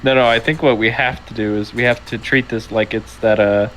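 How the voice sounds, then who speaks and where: A man's voice: mid-range voice, steady tone, fairly quick, background noise. A man player chatting casually at a tabletop game, rambling and joking.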